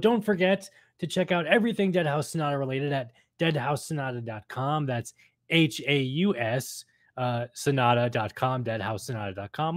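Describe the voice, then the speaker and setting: On this clean studio recording with no echo, the gaming podcast co-host's voice sits on the high side. He chats eagerly and loosely, circling back to the same phrases for emphasis.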